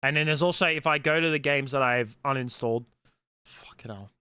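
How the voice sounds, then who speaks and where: This late-twenties streamer has a mild Australian accent and a smooth, sharp, mid-range voice that moves a little fast, with no room sound. He talks casually, packs in fillers, and replies to viewers' comments with blunt profanity.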